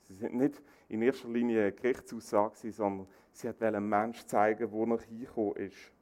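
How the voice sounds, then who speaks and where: A man preaching a sermon, animated, acting out quoted dialogue. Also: a little fast. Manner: animated, acts out quoted dialogue with rising pitch.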